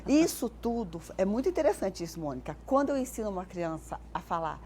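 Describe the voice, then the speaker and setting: A woman's voice: on the low side, very animated, quick pace, a little mellow, a little hiss or hum. A Brazilian speech therapist, a woman, guesting on a TV morning show and explaining child speech development, animatedly acting out sounds. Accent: Brazilian Portuguese.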